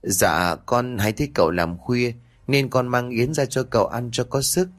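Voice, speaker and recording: A man's voice: medium pitch, moderate pace, lightly acted. A man voicing a timid young servant girl who speaks deferentially and gets flustered. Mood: meek.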